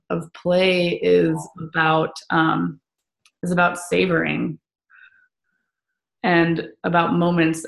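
A woman's voice: fairly low pitch, creaky. Chatty woman in a roomy echo. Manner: animated, many fillers. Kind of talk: casual chat.

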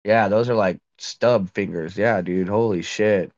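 A man's voice: on the low side, measured pace, darkish tone, lo-fi sound. A man co-hosting a podcast, chatting casually with loose, swearing banter. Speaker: podcast co-host. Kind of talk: casual chat.

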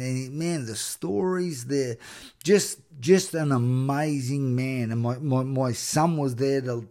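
An earnest man from Australia, middle-aged, talks through his travel stories in a solo podcast. He speaks at an ordinary pitch, and he gets excited and stumbles over his words as he pushes a motivational message. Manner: earnest and excitable, with many restarts and repeated words. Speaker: podcast host. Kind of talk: motivational storytelling monologue.

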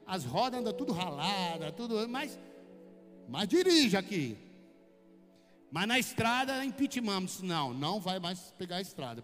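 A man with a Brazilian accent preaches a conversational sermon in a church hall, telling chatty personal stories and calling his listeners brother. His voice sits high and is a bit bright, with long hall reverb and faint music in the recording.

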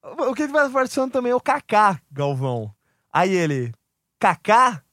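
A man with a Brazilian Portuguese accent, a podcast guest telling a long anecdote in casual slang with quick asides. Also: sits high, dry recording, clean studio sound. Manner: lively storyteller, heavy slang, quick asides.

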